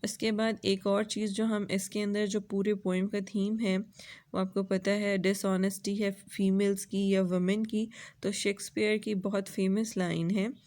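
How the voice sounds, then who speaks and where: Lady teacher going over rhyme schemes, slow and drawn out, soft dark voice, quizzes the class then answers herself. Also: mid-range voice, little pitch movement. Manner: mixes Hindi and English, asks the class questions and answers them herself; drawls out the English words slowly. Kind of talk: lecture explaining a poem's rhyme scheme.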